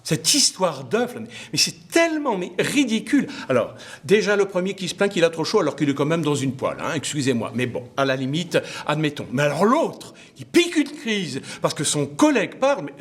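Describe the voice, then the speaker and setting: A man's voice: fairly high pitch, very animated, a little fast, hardly any pauses. An actor playing a fussy, apologetic, literal-minded man who stammers earnestly. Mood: baffled. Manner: hesitant, stammering, overly earnest. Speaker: actor in a stage comedy.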